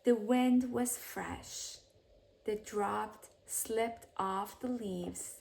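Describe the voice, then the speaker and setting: A woman reads a children's storybook aloud like a bedtime story, expressive and measured, letting her sentences fade into soft hushes. Her voice sits in the middle range with a gravelly edge, and there's slight background noise.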